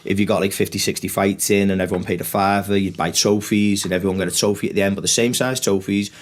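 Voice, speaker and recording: A middle-aged man with a northern English accent and a low voice talks fast over slight background noise. A former fighter and trainer appearing as a podcast guest, he chats casually and tells stories animatedly, acting out exchanges and swearing freely.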